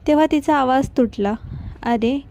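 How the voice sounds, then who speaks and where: Mellow, fairly high woman narrating. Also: fairly even intonation, normal speed. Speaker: storyteller. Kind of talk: scripted story narration.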